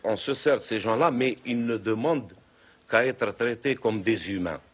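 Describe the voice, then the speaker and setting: A man's voice: mid-range voice, normal speed, highs cut off, heavy background noise. A man speaking in an indignant, emphatic way in an interview.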